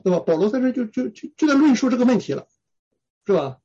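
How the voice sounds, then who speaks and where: A Bible teacher giving a sermon who keeps asking rhetorical questions and fills pauses with drawn-out "ah"s. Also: mid-range voice, big pitch swings, warm tone, slightly rough. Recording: dull lo-fi recording.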